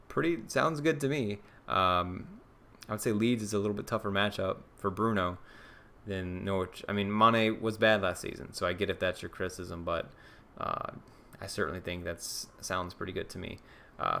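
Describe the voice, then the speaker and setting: A man's voice: low voice, normal speed, creaky, bright, forceful tone. A young man streaming live, casually thinking aloud and answering viewer questions with plenty of ums and restarts. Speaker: fantasy football streamer.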